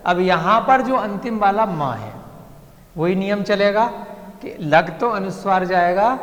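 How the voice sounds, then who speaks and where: Male teacher, high-ish voice, unhurried drilling delivery, echoey classroom. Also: lively intonation, fairly bright tone. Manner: slow, patient, repeats sounds aloud for drilling. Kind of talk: classroom lecture on script and pronunciation. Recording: echoey classroom with long reverb.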